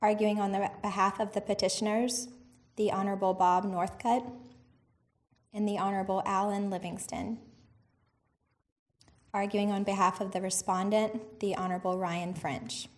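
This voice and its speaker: Lady court clerk reading out the docket, pretty flat tone, formal. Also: mid-range voice, moderate pace, pauses often.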